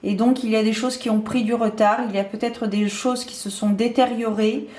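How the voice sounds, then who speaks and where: A woman's voice: a little high, fairly even intonation, a little fast, darkish tone. Hesitant woman reading tarot, echoey room. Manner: hesitant, many fillers and restarts. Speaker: tarot card reader. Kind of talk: casual tarot reading to camera.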